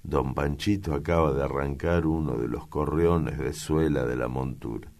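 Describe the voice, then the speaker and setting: A man reading a novel aloud in a measured, deliberate way. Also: rumbling low, fairly even intonation, a little mellow. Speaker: audiobook reader. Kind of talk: literary narration.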